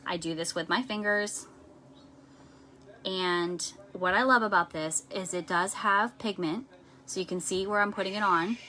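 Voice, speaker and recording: A woman's voice: lowish voice, sharp tone, rough recording. A woman beauty influencer giving a chatty, step-by-step live makeup tutorial at home. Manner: chatty, explains step by step in detail. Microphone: live-stream camera mic.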